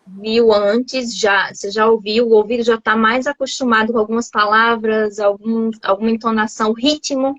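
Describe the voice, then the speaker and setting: A woman's voice: a little high, fairly even intonation, normal speed, a bit bright, no room sound, lo-fi sound. A woman from Brazil chatting casually over a video call, laughing often and restarting her sentences. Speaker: host, English teacher living abroad.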